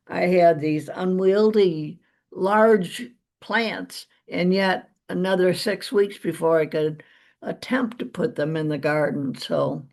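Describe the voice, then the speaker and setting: Slow-paced middle-aged American woman, chatting casually. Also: fairly low pitch, creaky, a little mellow. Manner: unhurried, rambling, with small chuckles. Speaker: vlog host. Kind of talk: casual gardening chat to viewers.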